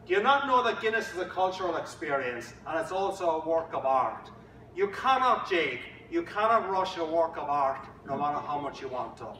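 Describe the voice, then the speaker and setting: A man plays a Northern Irish pub regular who sermonizes to his friend, drawing out every point. The voice is high and bright, and it carries from a distance through an echoey room. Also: animated, a little hiss or hum. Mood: scolding. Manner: preachy, drawn-out and emphatic.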